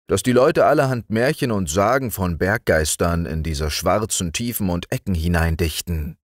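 A man voicing a calm, fond uncle in a storybook reading. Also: deep voice, moderate pace, no echo, clean studio sound. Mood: gentle.

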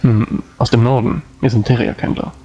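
A man's voice: medium pitch, steady tone, normal speed, mellow, breathy edge. A man playing a tabletop role-playing game, talking in character with a dry, wry manner. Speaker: role-play player. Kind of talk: improvised in-character tabletop talk. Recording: dull band-limited sound, faint music.

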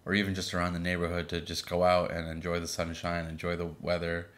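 A man from Boston in his thirties, co-hosting a casual podcast with his wife, relaxed and full of fillers. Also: sits low, quick pace. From Boston, Massachusetts. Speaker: podcast co-host. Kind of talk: casual chat.

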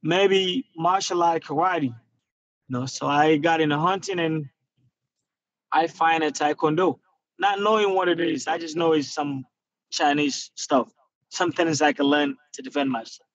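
A man's voice: a little high, fairly even intonation, a little slow. A man in his twenties from Nigeria, answering interview questions on a video call from his car in an earnest, reflective way. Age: 20s. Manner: earnest, reflective, many fillers. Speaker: guest fighter. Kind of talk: casual interview talk. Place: in a parked car. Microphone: phone camera on video call. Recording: dull lo-fi video call audio.

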